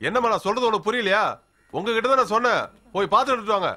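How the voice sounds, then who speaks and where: A man's voice: high voice, very fast, pushed and bright. An actor playing a bossy, impatient man giving brusque orders at a temple food line in a film drama. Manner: brusque, commanding.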